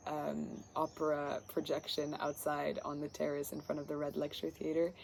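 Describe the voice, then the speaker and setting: A woman's voice: low-pitched, gravelly, darkish tone, a little hiss or hum. A young woman born in Ireland, talking casually with many fillers in a self-recorded job application video, filmed in her garden. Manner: chatty, enthusiastic, many fillers. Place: garden outdoors.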